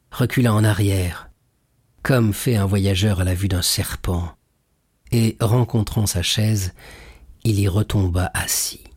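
A man reading a classic novel aloud as an audiobook narrator, in a measured, literary manner. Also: on the low side, a little mellow, husky, dry recording, studio quality.

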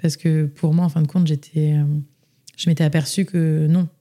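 A woman's voice: low-pitched, flat delivery, normal speed, mellow. A young woman telling her story as a podcast guest, chatty, with many fillers and restarts. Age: young adult. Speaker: interview guest. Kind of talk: casual podcast interview.

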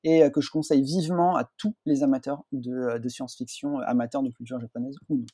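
A man's voice: mid-range voice, fairly even intonation, fast talker, dark tone, slightly rough, no echo. A man reviewing comics in casual radio chat, often stammering and restarting.

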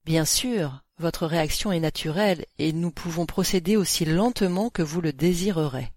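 A woman reading the part of a calm, polite male social services agent, speaking smoothly and soothingly. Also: sits low, moderate pace, no room sound, studio quality. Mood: reassuring.

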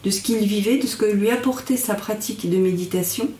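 In a reverberant room, a woman talks at some distance from the microphone. Her voice sits at a middle pitch. She explains reflectively and haltingly as an interviewed instructor, often searching for the right words. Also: warm tone. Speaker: mindfulness instructor and guest.

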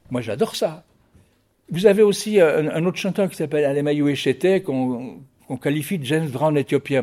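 A man's voice: medium pitch, darkish tone. A man over fifty, a guest in an interview, speaking with passion while often stumbling and repeating his words. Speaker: guest, record producer and music writer. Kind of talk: radio interview.

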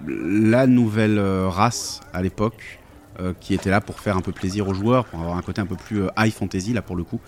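A man's voice: low voice, a little fast, darkish tone, slight background noise. A man talking casually about tabletop role-playing games, thoughtful and hesitant with many fillers.

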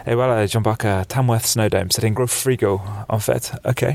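A man's voice: on the low side, normal speed, gravelly, dry recording. English guy chatting in french. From England. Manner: relaxed, chatty, many fillers and laughs. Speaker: snowboard shop buyer, podcast guest. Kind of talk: casual interview chat. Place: dark corner of a trade fair hall, on a sofa.

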